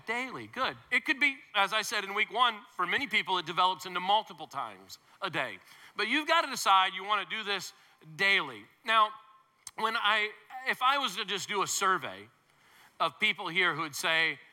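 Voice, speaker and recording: A man's voice: high-pitched, sharp tone. A male pastor preaching a sermon to his congregation, emphatic and conversational, with playful asides. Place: large church hall. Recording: long hall reverb.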